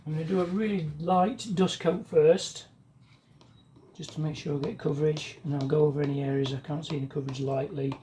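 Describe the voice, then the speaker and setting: Mellow woman, muffled by a mask. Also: low voice, brisk, a little hiss or hum. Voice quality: muffled through a paint mask. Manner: relaxed, chatty running commentary. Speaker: DIY car painter. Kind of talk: casual talk while working. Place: home garage, indoors.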